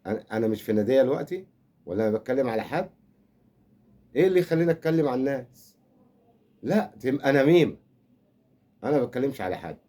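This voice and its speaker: A man's voice: medium pitch, expressive, very fast, long pauses, warm tone. An older man with an Egyptian accent, rambling and teasing through a comic football rant. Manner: rambling, teasing, mock-consoling. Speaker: football fan commentator.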